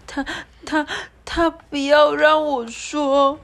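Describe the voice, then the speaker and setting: Scared little koala girl, as a woman puts her on, high, timid, stammering, storybook voice. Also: flat delivery, normal speed, creaky, slight background noise. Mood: frightened.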